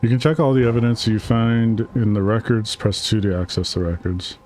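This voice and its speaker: A man's voice: lowish voice, fairly even intonation, brisk, a little mellow, slight background noise. A man casually commenting as he plays a game, chatting and reading its text aloud. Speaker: streamer playing a game. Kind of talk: casual let's-play commentary.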